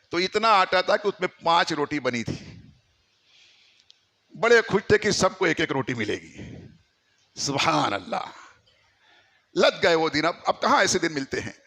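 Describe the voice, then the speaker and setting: High, lively-voiced male preacher. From India. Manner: emphatic, exhorting the listeners. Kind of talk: Islamic storytelling sermon.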